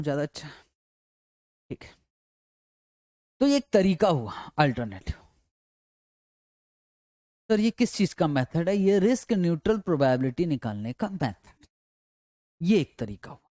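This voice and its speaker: A man's voice: on the high side, warm tone, no room sound, clean studio sound. Man coaxing through a step-by-step lecture. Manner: explains step by step, asking and answering students' questions himself; repetitive, coaxing. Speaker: teacher. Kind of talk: classroom lecture.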